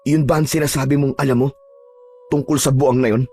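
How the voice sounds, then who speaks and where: A man's voice: mid-range voice, fairly even intonation, fairly quick, warm tone, breathy edge. A man narrating a first-person horror story and speaking his own lines bluntly and warily, in a tough, streetwise way. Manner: blunt, tough-talking, wary, with short laughs.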